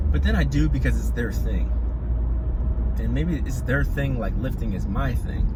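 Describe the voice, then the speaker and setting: A man giving a casual, rambling vlog monologue in a conversational way. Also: on the low side. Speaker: vlogger training for a marathon. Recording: loud vehicle and outdoor ambient noise.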